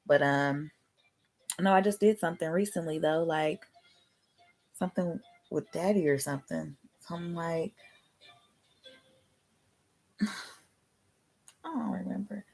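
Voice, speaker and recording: Casual game host: woman in her thirties, lowish register with plenty of fry, loose slangy delivery that wanders as she thinks. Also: slow, pauses often, a little mellow, low-quality recording. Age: 30s. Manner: rambling, thinking aloud, slangy. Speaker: host of a family question-card game. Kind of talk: casual chat.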